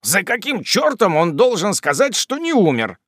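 Blunt old country squire, gruff but reassuring, read by a male narrator, dry sound. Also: sits high, huge pitch swings, normal speed, a bit bright, no room sound, voice pushed up, full character voice. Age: older. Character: elderly country gentleman host, brusque and practical. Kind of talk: audiobook character voice.

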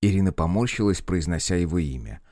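A male narrator reading an audiobook in a steady, even way. His voice is very low, and the sound is dry and close to the mic. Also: fast talker, dry recording.

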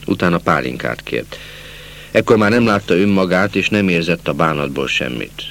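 A man reading a literary novel aloud as an audiobook narrator, slow and measured, dropping to a hush at sad passages. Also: sits low, expressive, creaky, slight background noise.

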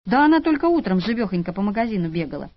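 A woman's voice: medium pitch, sing-song, rapid-fire. A woman voicing a hot-tempered young female shop assistant who answers shrilly and indignantly. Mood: outraged. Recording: lo-fi audiobook recording.

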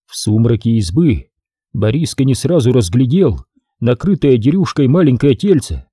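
Husky dark-voiced male narrator. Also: medium pitch, sing-song, no room sound, clean studio sound. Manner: measured, dramatic reading. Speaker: audiobook narrator. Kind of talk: scripted narration.

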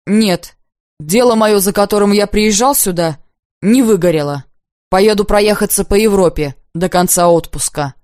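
A woman voicing an earnest, straightforward young man who speaks in a halting, plain-spoken way. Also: medium pitch, a little mellow, no echo, clean studio sound, natural voice. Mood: dejected.

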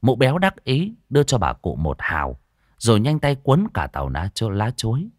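A man narrating an audio story in a lively, expressive manner. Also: on the low side, normal speed, dry recording, clean studio sound.

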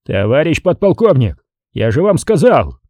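A jittery but officious military patrol major barks orders, as a male reader voices him. His voice rides higher than the reader's own and has a husky edge. The orders come out short and formal. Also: sing-song, normal speed, darkish tone, dry recording, studio quality. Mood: stern. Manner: curt official commands.

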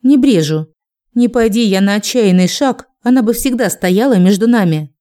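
A woman's voice: medium pitch, expressive, normal speed, dark tone, close to an everyday voice. A woman voicing a jealous, scheming young wife in an audiobook, cold and spiteful.

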